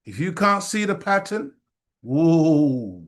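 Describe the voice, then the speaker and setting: A man's voice: a little high, big pitch swings. A male host giving casual, reflective commentary on a lecture being played. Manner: unhurried, reflective asides. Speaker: study group host.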